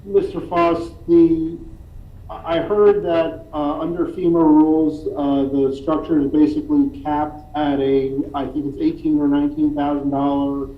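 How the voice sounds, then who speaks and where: A council member calling in remotely, speaking in a halting, apologetic way, with his volume rising and dropping unevenly over the line. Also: fairly high pitch, flat delivery. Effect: uneven volume, level rising and dropping. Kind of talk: questioning at a public meeting. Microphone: remote call audio. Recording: tinny echoey remote call line with faint hiss.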